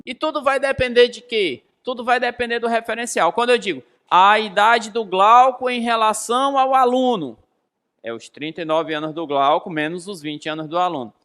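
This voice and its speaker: Teaching a physics lesson, this Brazilian-accented man in his thirties is emphatic and didactic, repeating key phrases and asking rhetorical questions. His high voice is pushed and bright yet clean, delivered at a moderate pace.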